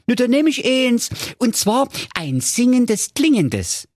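A man's voice: very high voice, wildly swooping pitch, normal speed, no echo, clean studio sound, voice pushed up, heavily acted. Man doing a cocky cheerful young suitor. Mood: delighted. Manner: boastful, delighted.

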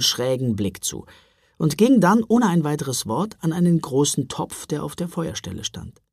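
A man reading a children's audiobook aloud as narrator, with expressive, lively storytelling. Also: medium pitch, gravelly, husky, no echo, studio quality.

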